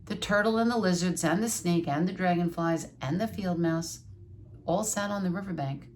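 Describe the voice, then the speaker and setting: An older woman reading a children's story aloud with asides, deliberate and teacherly like a schoolteacher. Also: lowish voice, background noise.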